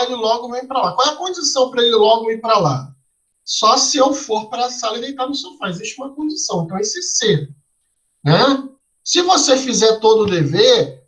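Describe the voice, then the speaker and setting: High-voiced man teaching a class. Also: fairly bright tone, low-quality recording. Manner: explains step by step, asks the class questions; tags lines with "né?" and "tá?". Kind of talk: online class lesson.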